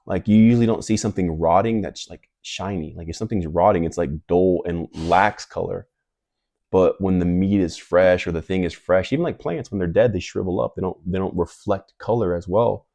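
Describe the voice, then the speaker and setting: A man's voice: sits low, fairly quick, gravelly, mellow, dry recording. A man hosting a casual chat, musing loosely about life with lots of fillers. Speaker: host.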